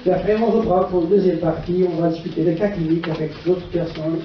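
An older man with a Portuguese accent gives a conference lecture in halting French, asking short rhetorical questions. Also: high-pitched, steady tone. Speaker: physician lecturer. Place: dark auditorium stage at a lectern. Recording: echoey hall, distant camera microphone, muffled, faint noise.

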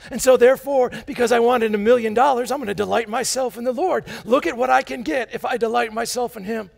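Gravelly high-voiced pastor preaching. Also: male voice, quick pace. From United States. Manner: animated, playful, drawing the congregation in; walks about the stage as he preaches. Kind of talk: sermon. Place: large church sanctuary, indoors.

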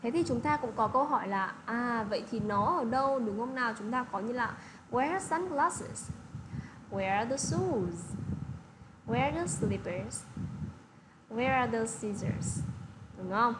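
A woman teacher walks children through an English lesson in a patient, checking manner. Her voice sits slightly high. A steady hiss of noise runs under the recording. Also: measured pace. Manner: patient, repeats checks like "được chưa".

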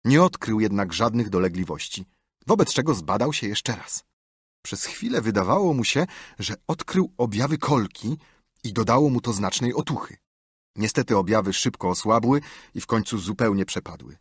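A man narrating an audiobook with expressive, lively storytelling. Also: on the low side, moderate pace, breathy edge, dry recording, studio quality. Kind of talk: scripted narration.

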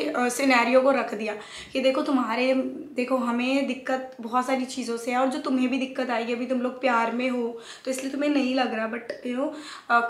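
A young woman with a high, bright-pitched voice tells a personal story in a casual, animated way, slipping English phrases in and acting out what family members said. She sounds like she's in an echoey room. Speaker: vlogger telling her love story.

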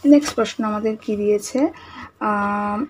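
A woman teacher giving an online lesson, speaking softly and patiently, repeating each answer and asking the class questions. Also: mid-range voice, a little slow, noisy background. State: speaking softly, finds talking hard today.

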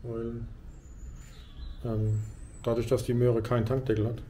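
A man's voice: mid-range voice, monotone, unhurried, warm tone. A man casually talking through his motorcycle gear as he rides and works in his garage, explaining things hands-on. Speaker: motovlogger. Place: garage and riding outdoors on a motorcycle. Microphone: helmet camera mic. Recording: road and engine noise.

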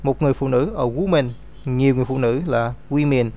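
A man's voice: medium pitch, fairly quick, mellow, highs cut off. A man teaching an English grammar lesson, explaining rules step by step and reading out example words.

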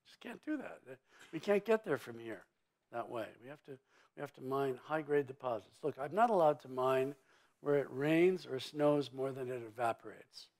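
Older man, mining executive on stage, blunt and emphatic, big sweeping claims, medium-pitched voice, lapel mic. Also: expressive, moderate pace, darkish tone. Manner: emphatic, sweeping and blunt, with vivid turns of phrase. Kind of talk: conference stage interview. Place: conference stage before an audience.

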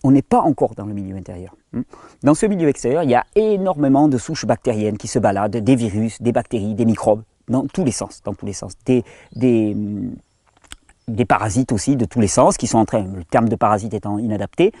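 A French-speaking man hosting a health channel, explaining at length in a casual tone to the viewer, with frequent restarts and study titles read in halting English. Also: lowish voice, mellow, dry recording. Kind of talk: explanatory monologue.

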